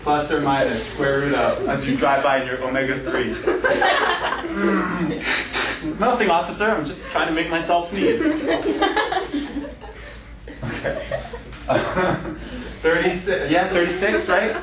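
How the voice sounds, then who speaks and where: Playful, lively male math teacher. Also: fairly high pitch, takes it slowly, pauses often, a loud crowd. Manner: playful, joking, laughs often, quizzes students. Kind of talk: classroom lesson. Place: classroom. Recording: echoey classroom, distant mic, noisy.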